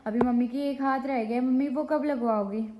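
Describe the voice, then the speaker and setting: A young woman vlogs from her home and speaks into a phone camera. Her voice sits a little high. She chats casually and tells stories in an animated way, repeating words for emphasis. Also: a little fast, highs cut off. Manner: chatty, animated storytelling with repeated phrases. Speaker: vlogger. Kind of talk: casual home vlog chat. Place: at home, indoors.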